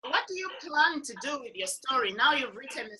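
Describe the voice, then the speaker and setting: A woman hosts an interview, asking encouraging questions in a friendly way. Her voice is very bright and sharp and sits a little high. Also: lively intonation, a little fast, a little hiss or hum, low-quality recording. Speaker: interviewer and host. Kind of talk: hosting an interview.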